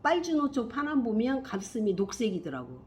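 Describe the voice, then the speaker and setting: Expressive middle-aged woman telling a story. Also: a little high, moderate pace. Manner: emphatic, rambling, swings between hushed and loud. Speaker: spiritual vlogger. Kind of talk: personal storytelling.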